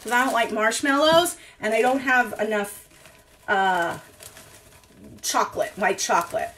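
A woman's voice: fairly high pitch, unhurried, fairly bright tone, slight background noise. A woman in her forties teaching a live cooking class from her home kitchen, rambling and thinking aloud with lots of fillers.

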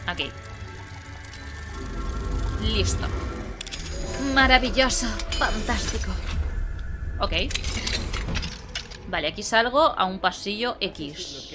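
A woman's voice: medium pitch, lively intonation, slow pace, long pauses. A young woman giving casual, playful gameplay commentary, chatting to herself as she plays. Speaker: gameplay streamer. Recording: game music behind.

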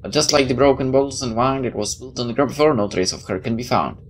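A woman gamer doing a playthrough reads game text aloud in a very deep voice at a quick pace. She adds casual, incredulous asides, and there's faint background noise in the recording.

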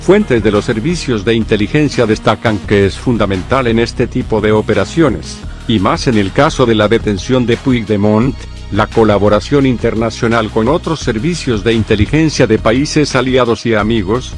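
A man's voice: on the low side, normal speed, soft background music. A man giving a scripted news narration, reading the text evenly and word for word. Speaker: news reader.

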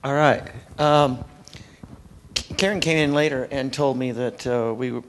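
Brisk man moderating a panel. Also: mid-range voice, steady tone. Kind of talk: moderating a conference Q&A.

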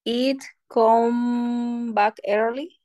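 A woman student answers her teacher's questions, hesitant and searching for words. She talks very slowly. Her pitch stays flat. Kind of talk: online class exercise.

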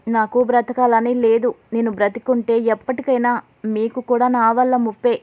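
A woman's voice: fairly high pitch, little pitch movement, normal speed, close to an everyday voice. A woman voicing a despairing young wife who pleads and confesses in anguish, in slightly dull audio.

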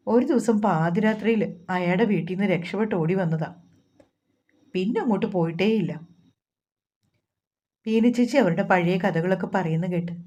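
Mellow-voiced woman reading a novel aloud. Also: medium pitch, breathy edge, lo-fi sound. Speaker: storyteller. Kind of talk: scripted novel narration with character dialogue.

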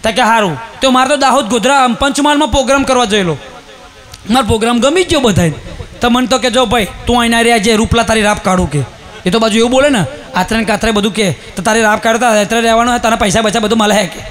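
High-voiced Gujarati comedian shouting punchlines. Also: male voice, fast. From Gujarat, India. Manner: animated, shouts punchlines and acts out quoted voices. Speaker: stand-up comedian. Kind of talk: comic storytelling on stage.

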